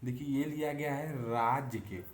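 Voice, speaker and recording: A man's voice: medium pitch, moderate pace. Echoey man teaching exam-prep civics. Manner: repeats key terms, quizzes with rhetorical questions. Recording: echoey room, faint background hum.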